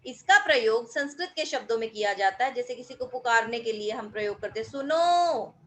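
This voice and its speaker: A woman's voice: fairly high pitch, a little fast, fairly bright tone, slight background noise. A woman teacher giving a recorded grammar lesson, explaining patiently to her pupils and drawing out sounds to demonstrate pronunciation. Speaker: school teacher.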